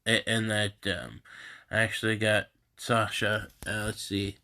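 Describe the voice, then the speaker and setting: A man with a lowish voice that still sounds bright and forward, stuffed up and congested. He talks slowly in a halting, rambling way, with a lot of restarts. It is a casual live stream recorded on a phone at home. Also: steady tone. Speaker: host of a live group stream. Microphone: phone camera.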